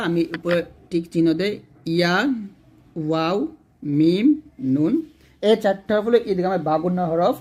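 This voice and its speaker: A man teaching Quran recitation rules in an online lesson, asking and answering his own questions and drawing out example syllables slowly. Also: sits high.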